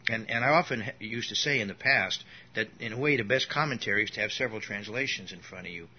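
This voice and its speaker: Talking fast in a fairly low voice, a man teaches the Bible casually, repeatedly restarting his sentences and going off on asides. An occasional cough breaks in. Slight background noise sits under the dull, lo-fi audio.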